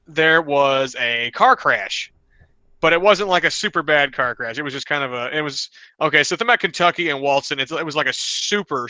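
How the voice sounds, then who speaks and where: A man's voice: medium pitch, bright, forceful tone, clear, resonant tone, no room sound. A man co-hosting a podcast, telling a long rambling story in casual chat and often restarting his sentences. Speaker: podcast co-host.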